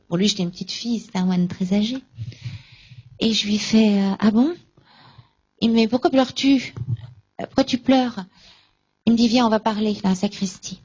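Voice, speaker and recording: A woman giving a personal faith testimony at a conference, recounting events with lively acted-out dialogue. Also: mid-range voice, slightly rough, lo-fi sound. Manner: lively, acts out remembered dialogue.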